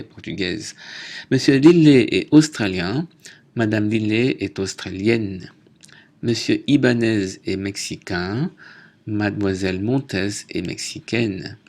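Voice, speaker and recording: A man teaching a French lesson, slowly reading word pairs aloud, spelling out endings and correcting himself. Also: on the low side, a little mellow. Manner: deliberate, spells out and repeats words; self-corrects mid-list. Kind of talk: slow, careful language lesson.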